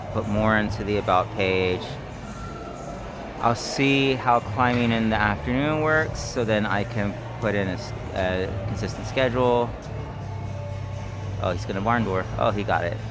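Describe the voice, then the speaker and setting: A man chatting casually and informally on a live stream while climbing at an indoor gym, thinking aloud in short bursts. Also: on the low side.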